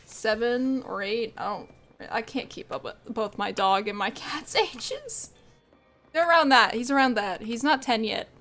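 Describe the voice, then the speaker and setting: Woman streamer, bright high voice, loose chatty delivery, soft game music in the background. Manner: rambling, chatty, laughs often. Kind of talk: casual live-stream chat while gaming.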